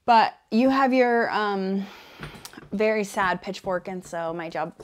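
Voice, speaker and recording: A woman playing a quirky female devil in an ASMR role-play, talking in a playful, deadpan ramble with frequent self-interruptions. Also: mid-range voice, slow pace, lightly acted. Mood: rambling, exasperated. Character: quirky female devil welcoming a newcomer to hell.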